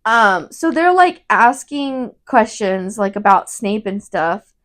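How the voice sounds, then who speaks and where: A woman co-hosting a casual book review chat, retelling the story in an animated way and saying "like" constantly. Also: medium pitch, slow pace. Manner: animated retelling, heavy use of "like". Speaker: podcast co-host.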